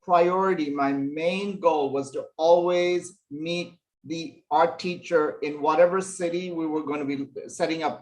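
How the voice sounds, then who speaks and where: A fashion illustration professor from Nepal tells stories from his life as a relaxed interview guest, using lots of fillers. His voice is fairly high, and the audio quality is poor.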